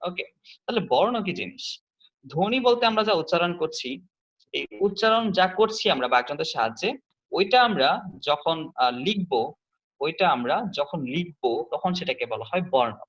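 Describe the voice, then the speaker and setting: Man, teacher, online class, slightly high voice, dull lo-fi sound, step-by-step explaining. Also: lively intonation, normal speed, a bit bright. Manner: explains step by step, repeats key points, asks students questions.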